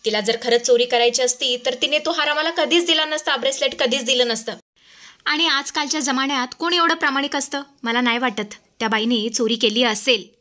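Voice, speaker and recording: An earnest, trusting lady defending her household staff in a high, gentle voice, as a woman storyteller puts her on. She speaks sincerely and a little hurt. Told as a spoken storybook. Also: a little fast.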